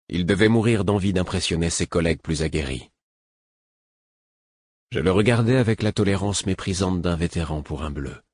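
A male audiobook narrator reads a novel in measured, even first person. His voice sits very low and has a husky edge. The recording is dry and close, with no room sound. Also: dry recording.

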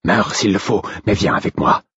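A man's voice: fairly low pitch, normal speed, fairly bright tone, breathy edge, dry recording, dull audio, pitched above the performer's own voice. A man voicing a fierce, loyal male wolf companion, pleading urgently in a storybook reading. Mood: coaxing.

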